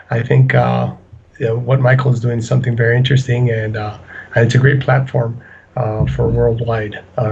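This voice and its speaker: A man answering interview questions about his real estate company, pausing often with fillers and restarts. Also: mid-range voice, gravelly, a little mellow, slightly rough, lo-fi sound. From Ecuador. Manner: hesitant, many fillers and restarts.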